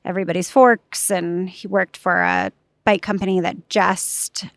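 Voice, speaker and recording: A woman's voice: on the low side, steady tone, unhurried, gravelly, dry recording. A chatty woman who often laughs between phrases, talking in a casual interview outdoors. Her mic is blown out, so her voice clips and distorts. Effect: clipping, distorted blown-out mic. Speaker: pastry chef and restaurateur, podcast guest. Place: outdoors on artificial turf.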